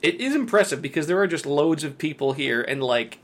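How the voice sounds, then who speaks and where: Higher-voiced man recapping a film. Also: expressive, fairly quick, fairly bright tone. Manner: recaps the plot, with lots of fillers and frequent laughs. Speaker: podcast co-host. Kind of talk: casual film discussion.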